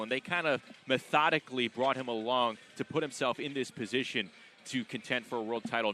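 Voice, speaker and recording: A man's voice: medium pitch, sharp tone, a little hiss or hum. A man hosting a boxing broadcast with polished live sports commentary.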